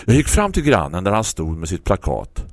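A man's voice: deep voice, wildly swooping pitch, no echo, studio quality. A man hosting a morning radio talk show, telling a wry story in a leisurely way. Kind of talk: reading a personal story on radio.

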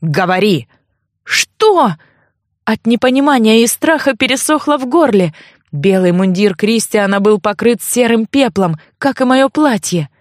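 A woman narrating a fantasy novel in a measured storytelling voice. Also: fairly high pitch, expressive, dry recording, clean studio sound. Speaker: audiobook narrator. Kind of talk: scripted fiction narration.

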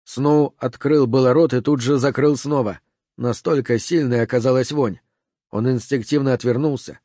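A man reads an audiobook in a measured, tense storytelling manner. His voice sits at a middle pitch for a man. It is recorded dry and close, with no room sound. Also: steady tone, dark tone, dry recording. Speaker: audiobook narrator. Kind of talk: scripted narration.

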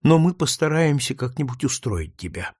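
A man voicing a gentle, soothing housewife. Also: medium pitch, big pitch swings, moderate pace, slightly rough, no room sound, studio quality. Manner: soothing, tender. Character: kind gentle woman, a senator's wife.

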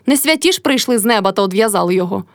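A woman's voice: medium pitch, animated, rapid-fire, no room sound, studio quality, natural voice. A woman voicing a quarrelsome young village wife who screams insults at her neighbours in a storybook reading. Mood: shrill scolding. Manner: shrieking insults.

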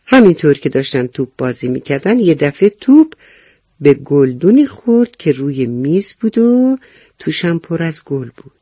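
A man narrating a children's story, animated and speaking directly to young listeners. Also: a little high, no room sound, lo-fi sound.

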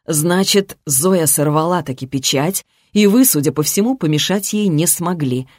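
A woman voicing a powerful male mage and father who speaks in a sarcastic, measured, emphatic way. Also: low voice, lively intonation, a little mellow, dry recording, studio quality. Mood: stern.

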